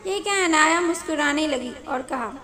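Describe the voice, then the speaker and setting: A woman storyteller greeting listeners and reading a romance story in a friendly, steady manner. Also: high voice, normal speed. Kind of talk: scripted narration.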